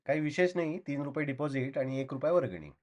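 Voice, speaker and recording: A man with a natural, slightly high voice and quick pace reads the role of an earnest young door-to-door librarian. He talks in eager, apologetic salesman patter.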